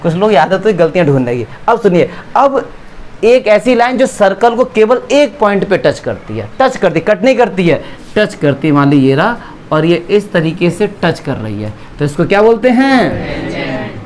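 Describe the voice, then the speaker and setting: A man's voice: high-pitched, sing-song, moderate pace, slight background noise. Maths teacher quizzing his class. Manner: asks questions and answers them himself, teasing students. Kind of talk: classroom lecture. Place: classroom with students.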